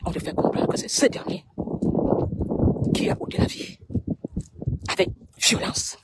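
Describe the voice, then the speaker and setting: Over heavy background noise, a woman with a Cameroonian French accent makes an impassioned appeal to the public, speaking emphatically in short bursts with dramatic pauses.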